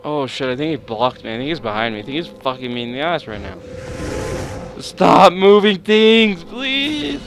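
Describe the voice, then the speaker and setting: A young man playing a horror game, swearing, panicking and yelling at what chases him. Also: mid-range voice, fast, few pauses, music in the background. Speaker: gameplay streamer.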